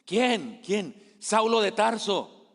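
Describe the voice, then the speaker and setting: A man voicing an excited, good-natured male apostle who exclaims eagerly and breathlessly. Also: sits high, drawn-out words, creaky, in a large hall, voice pushed up, full character voice.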